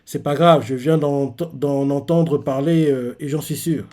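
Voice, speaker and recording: A man's voice: mid-range voice, unhurried, natural voice. A man reading the lines of an emotional young female scientist clone from manga panels. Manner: read flatly from manga panels, then a sudden loud wail.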